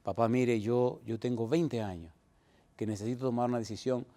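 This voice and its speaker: A preacher voicing a hesitant, earnest daughter. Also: male voice, mid-range voice, steady tone, normal speed, natural voice. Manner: soft, hesitant confession.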